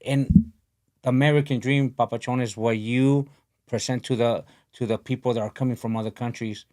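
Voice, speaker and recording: Man from Honduras, 40s, podcast host, earnest and soft, middle pitch. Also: fairly even intonation, normal speed. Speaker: podcast host, boxing coach. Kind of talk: casual interview talk. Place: podcast studio in a boxing gym. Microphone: desk podcast mic.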